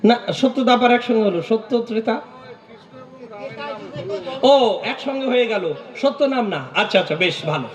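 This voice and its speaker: A man's voice: very high-pitched, expressive, normal speed, long pauses, a crowd in the background. A man giving a devotional lecture and answering audience questions, explaining patiently and reciting mantras in rhythmic runs. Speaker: religious speaker. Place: lecture hall stage. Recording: echoey hall with long reverb.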